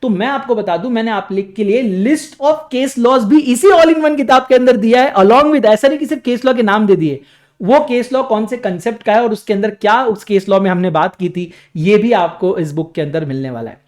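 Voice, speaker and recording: A young man, a coaching teacher, giving an energetic, salesy pitch for his new book, with dramatic emphasis. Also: normal speed.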